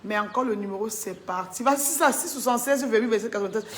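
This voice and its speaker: A woman's voice: fairly high pitch, fast. A woman hosting a casual phone live stream, greeting viewers by name and coaxing them to share. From Cameroon. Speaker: live-stream host selling wigs. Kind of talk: casual Facebook live chat.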